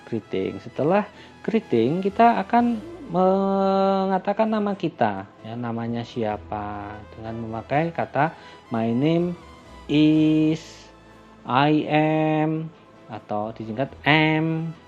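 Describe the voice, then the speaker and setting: A man teaching a class, calmly explaining English greetings and introductions and slowing down for the example phrases. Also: fairly high pitch. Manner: calm and explanatory, switching into slow, lifted voice for English example phrases. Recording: lo-fi recording with faint music.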